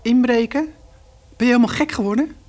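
An actress playing a mother who talks in a firm, calming manner and scolds her son. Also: fairly low pitch, brisk, breathy edge. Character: stern but calm mother of a boy.

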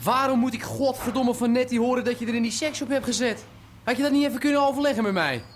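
A man's voice: high-pitched, normal speed, a little hiss or hum, close to an everyday voice. An actor playing a grown son angrily confronting his father. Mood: angry. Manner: indignant and heated.

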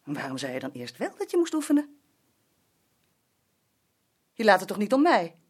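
An actress playing an insistent wife in a film drama, nagging and demanding. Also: female voice, medium pitch, wildly swooping pitch, moderate pace, breathy edge.

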